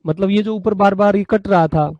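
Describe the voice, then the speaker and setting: A man's voice: high-pitched, fairly quick, darkish tone, no room sound, muffled recording. A man teaching a live online class, explaining law through little acted-out stories and talking to his students in a chatty, fatherly way. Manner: acts out buyer and seller in a story, chatty and fatherly with students.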